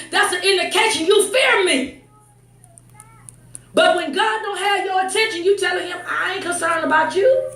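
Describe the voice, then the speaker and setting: With a very high, fairly bright voice, this woman preacher delivers a fervent sermon, exhorting emphatically and shifting between conversational asides, scripture reading, and raised-voice declarations. The recording is echoey, from a distant mic, with faint noise.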